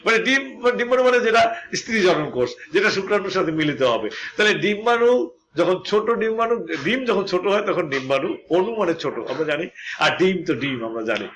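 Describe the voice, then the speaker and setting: A man teaches a biology class in a fairly high voice. His pitch rises and falls a lot as he works through each point, asks questions and answers them, and spells out terms one letter at a time. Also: lively intonation, a little fast, fairly bright tone. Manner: explains step by step, asking and answering his own questions. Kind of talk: classroom lecture.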